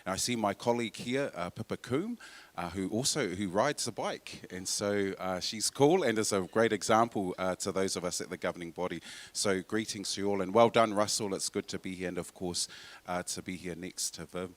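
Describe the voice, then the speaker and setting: A man's voice: low voice, moderate pace. A man with a New Zealand accent, a councillor speaking at a public forum in a loose, informal way full of fillers and restarts. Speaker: councillor and mayoral candidate.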